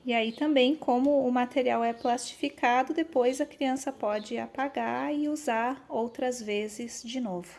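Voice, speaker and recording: A Brazilian woman explaining and demonstrating learning materials for young children, filmed on a handheld phone, often tagging her sentences with questions and counting aloud slowly. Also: a little high, a little mellow. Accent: Brazilian Portuguese. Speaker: educator showing teaching materials. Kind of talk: casual demonstration of classroom materials. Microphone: handheld phone camera, filming one-handed.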